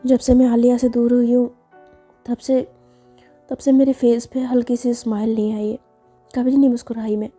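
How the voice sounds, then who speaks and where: A woman voicing a shy young married woman, confused and wistful, talking in a soft, questioning way. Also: fairly high pitch, flat delivery, normal speed, pauses often, faint music behind, natural voice.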